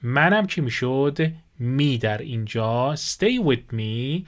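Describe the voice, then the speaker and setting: A man with a Persian accent teaching English phrases as an English teacher, explaining patiently and saying each phrase slowly, again and again. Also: mid-range voice, expressive. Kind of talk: language lesson.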